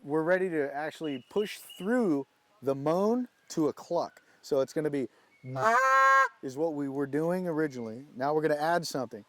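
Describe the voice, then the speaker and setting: A man's voice: on the high side, normal speed, heavy background noise. A man giving a casual, folksy hands-on lesson as a goose calling instructor.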